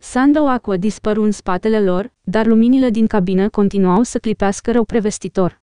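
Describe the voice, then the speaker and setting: A woman narrating an audiobook in a steady, even storytelling manner. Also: mid-range voice, smooth, no room sound.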